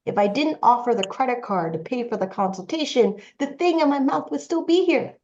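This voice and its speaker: A woman's voice: high-pitched, lively intonation, fairly quick, darkish tone, dull audio. A Canadian woman in her late thirties, speaking as a panelist in a casual discussion, telling her story in a rambling, matter-of-fact way. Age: 30s.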